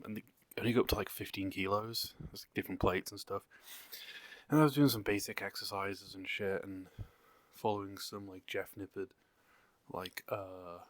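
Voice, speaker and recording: A young man from England talking casually and out of breath, rambling with lots of fillers and the odd swear word. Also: low-pitched. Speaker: vlogger. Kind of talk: unscripted casual vlog.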